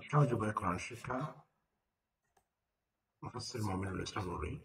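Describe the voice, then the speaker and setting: A man teaching Quran recitation step by step, slowly spelling out and repeating the Arabic words. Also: on the low side, expressive, gravelly, a bit bright, recorded from a distance, slight background noise. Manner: slow, drawn-out spelling and repetition of Arabic words.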